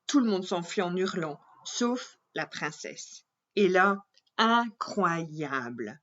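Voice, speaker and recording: A woman reading a children's story aloud in a gentle, expressive way. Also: lowish voice, takes it slowly, muffled recording.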